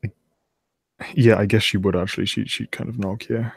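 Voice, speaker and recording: A man casually narrating his character's moves in a tabletop game, halting and hedging as he goes. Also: on the low side, little pitch movement, creaky, slightly rough, no echo. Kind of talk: casual third-person role-play narration.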